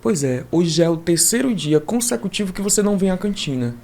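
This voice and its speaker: A man's voice: high voice, lively intonation, brisk, creaky, a little mellow, heavily acted. A man voicing a kind older woman who runs a college canteen, speaking firmly and insistently in a retold story. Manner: firm, insistent.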